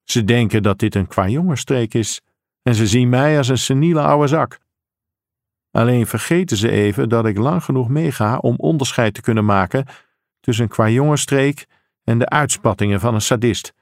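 A man's voice: mid-range voice, moderate pace, no room sound, clean studio sound, natural voice. A man voicing a weary older policeman who speaks tersely and grimly. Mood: bitter. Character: weary older male park policeman, grim and dogged.

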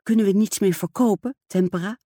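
A woman reading aloud, voicing a vain, excitable society stepmother who gushes and speaks self-importantly. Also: mid-range voice, fairly quick, no echo, clean studio sound, voice pushed up, close to an everyday voice. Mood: haughty. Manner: gushing, self-absorbed, exclamatory.

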